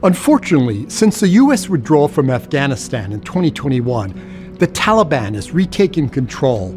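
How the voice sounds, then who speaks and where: A man hosting an award gala and narrating its tribute video in a measured, formal scripted delivery. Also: medium pitch, sing-song, a little mellow, soft background music. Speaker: host and narrator.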